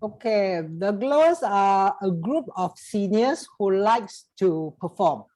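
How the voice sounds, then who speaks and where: A woman with a Singaporean English accent talks slowly and easily, chatty and quick to joke. She describes her seniors' group in a relaxed manner. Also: medium pitch. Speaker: founder of a seniors' drama group. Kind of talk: casual panel talk.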